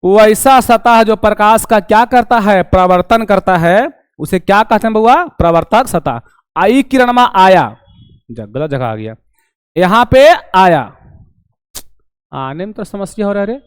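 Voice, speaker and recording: A young man teaching an online class, animated and acting out his students' questions. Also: high-pitched, unhurried, clean tone, no echo, studio quality.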